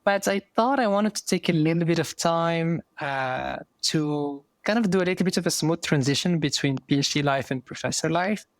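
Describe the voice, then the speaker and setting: Moroccan man, thirties, podcast guest, raised voice, dry close sound, halting and thoughtful. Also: a little high, no room sound. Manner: thoughtful, with frequent fillers and restarts. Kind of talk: casual interview.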